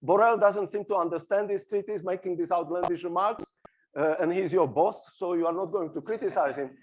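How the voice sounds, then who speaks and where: A middle-aged Slovak man with a Slovak accent argues his points on a discussion panel on the stage of a small hall. His high-pitched voice comes fairly quickly through a low-quality recording, and he hesitates often, using many fillers.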